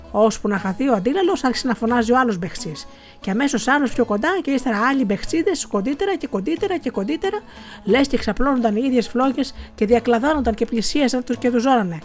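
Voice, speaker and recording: Woman reading a story over music. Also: a little high. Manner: lively, with small slips and restarts. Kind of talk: reading aloud from a novel.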